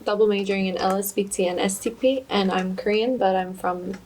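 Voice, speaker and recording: Young woman from the Philippines, student guest; mid-range voice, soft-spoken and self-deprecating. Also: mid-range voice, fairly even intonation, brisk, background noise. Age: young adult. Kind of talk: casual podcast chat.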